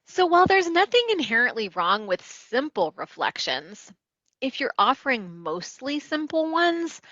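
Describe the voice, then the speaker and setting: A woman wellness coach teaches a coaching technique in an explanatory lesson, now and then voicing what a client might say. Her voice is bright and forward. The recording is dry, with a slightly muffled, dull tone. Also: mid-range voice, no room sound. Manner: warm explanatory teaching, acts out client quotes. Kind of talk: instructional talk.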